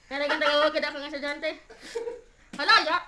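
A woman's voice: high voice, little pitch movement, fast talker. A young woman chatting casually in a challenge, slurring because her lips are stretched wide. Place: small wood-panelled room, camera a few feet away. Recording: echoey, noisy room recording.

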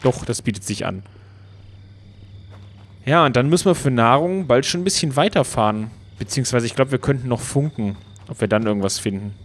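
A man casually commenting on his own gameplay, playful and excitable, talking back to the game. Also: medium pitch, a little fast. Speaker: Let's Play commentator.

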